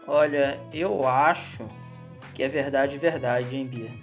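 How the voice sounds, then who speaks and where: A man's voice: mid-range voice, fairly even intonation, slow, soft background music. A man joking and questioning as a guesser in a party game. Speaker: guesser in a truth-or-lie game. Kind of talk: casual chat.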